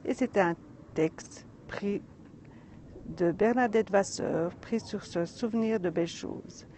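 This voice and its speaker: Woman, slow pace, mellow voice, chatty, greeting viewers, outdoor vlog, faint open-air ambience. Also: mid-range voice, slight background noise. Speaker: vlogger and storyteller. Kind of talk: live outdoor vlog with story reading. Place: outdoors in a mountain village. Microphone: phone or camera.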